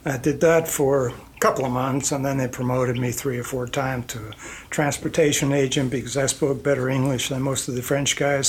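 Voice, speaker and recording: An older man from Iceland, a company president guest, telling his life story in a relaxed, rambling way with fillers and small chuckles. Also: medium pitch, slight background noise.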